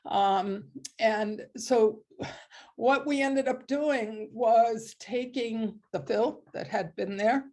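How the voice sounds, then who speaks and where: Hoarse woman presenting slowly. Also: fairly high pitch, a little mellow. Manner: slow and deliberate, with many ums. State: hoarse, coughing. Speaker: landscape designer presenting. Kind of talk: online presentation.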